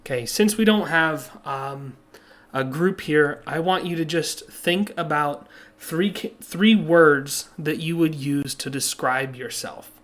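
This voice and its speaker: A man delivers a recorded class lesson over slides, explaining things plainly and patiently with lots of "uh" fillers. His voice is slightly hoarse, a little high and fairly bright, and he takes it slowly.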